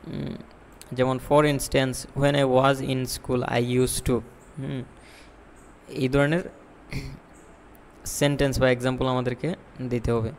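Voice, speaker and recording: A man teaching IELTS speaking tips in a lesson. He explains in Bengali, slips in English terms, reads example sentences slowly and repeats key points. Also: mid-range voice, in a large hall, a little hiss or hum. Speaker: IELTS tutor. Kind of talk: spoken exam-tips lesson.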